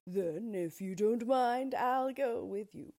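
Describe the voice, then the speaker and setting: A woman's voice: fairly high pitch, slow, mellow, voice pushed up. A woman voicing a timid but willing male lion. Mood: earnest.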